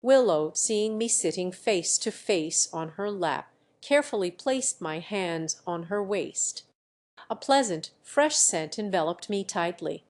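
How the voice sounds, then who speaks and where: A woman narrating a romance story in a steady, even storytelling voice. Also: on the low side, unhurried. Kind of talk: scripted audiobook narration.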